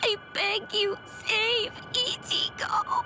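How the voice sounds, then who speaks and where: Very high, pleading anime healer. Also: female voice, expressive, slow pace, echoey room, long reverb tail, full character voice, low-quality recording. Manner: pleading, tearful, timid. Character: gentle anxious young woman healer. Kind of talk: anime game voice acting. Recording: game cutscene with loud music.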